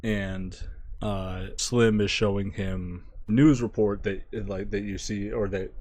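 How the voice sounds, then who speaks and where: A man giving a casual spoken album review, thinking aloud, restarting phrases and trailing off quietly. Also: lowish voice, little pitch movement, slow pace. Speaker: music reviewer.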